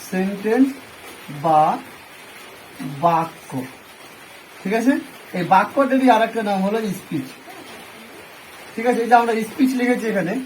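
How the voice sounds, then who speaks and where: A man's voice: sits high, darkish tone, a little hiss or hum, poor audio. A man with a Bengali accent teaching an English grammar lesson, explaining step by step and asking and answering his own questions.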